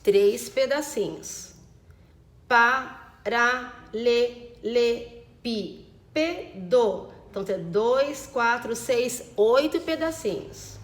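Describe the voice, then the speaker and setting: A woman teaching young children, spelling out words slowly and checking in with them often. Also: on the high side, lively intonation, reverberant. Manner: slow, over-enunciated dictation of words; affectionate diminutives and frequent check-ins. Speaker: primary school teacher. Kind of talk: recorded remote lesson for children.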